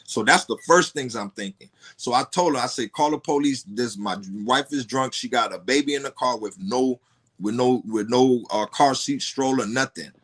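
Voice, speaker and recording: Sitting in as a podcast guest, this man recounts events at a moderate pace in a middle-range voice. His casual storytelling is animated and full of cursing and street slang, with frequent stumbles where he repeats himself.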